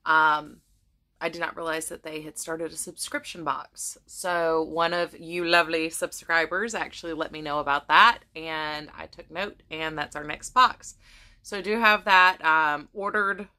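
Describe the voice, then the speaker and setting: A woman's voice: deep voice, steady tone, unhurried, bright, forceful tone. A woman chatting casually to her viewers about her crafts, rambling with many restarts, her voice starting to go. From United States. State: losing her voice. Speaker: crafting vlogger. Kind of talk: casual chat to camera.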